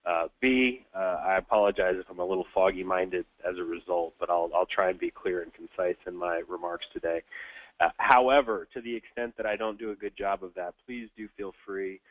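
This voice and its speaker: Low, nasal man on a phone line. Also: fairly even intonation. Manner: halting, frequent filler sounds and restarts. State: congested from a cold. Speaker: webinar presenter. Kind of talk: business webinar presentation. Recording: tinny phone-line webinar audio.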